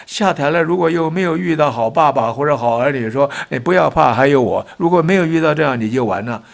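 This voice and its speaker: A man's voice: a little high, fast talker, creaky. An older man hosting a political commentary show, telling folksy stories and acting out the voices he quotes. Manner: folksy, acts out quoted voices, lively emphatic delivery.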